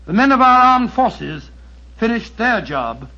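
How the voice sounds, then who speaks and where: An actor playing Doctor Watson, a genial middle-aged doctor who speaks in a chatty, hesitant way on a 1940s radio broadcast. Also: male voice, high-pitched, big pitch swings, a little slow, pushed and bright, muffled recording, heavily acted. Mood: earnest. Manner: hesitant, chatty, then earnest and appealing. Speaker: storyteller giving a closing appeal.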